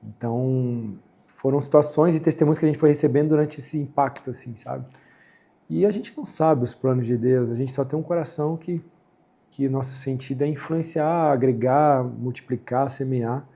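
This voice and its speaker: Man, middle-aged, Brazilian accent, very dark tone, husky, reflective, quotes scripture. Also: medium pitch, normal speed. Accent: Brazilian Portuguese. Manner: reflective, quotes scripture, many "né" and "assim" fillers. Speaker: guest, former footballer and speaker. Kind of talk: casual faith conversation.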